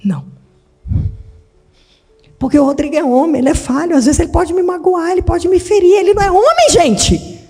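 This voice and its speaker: A woman pastor preaching a dramatic sermon in a church, swinging from shouts to hushed tones. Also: very high-pitched, lively intonation, brisk, long pauses, in a large hall. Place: church hall.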